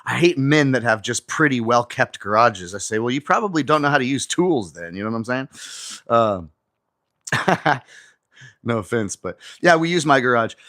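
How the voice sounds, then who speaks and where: A man in his forties livestreams casually from his garage gym, stretching while he chats straight to viewers and reads their comments aloud. His mid-range voice is fairly bright, with lively intonation and a moderate pace. The audio is clean and echo-free, captured by a phone camera on an auto-tracking mount.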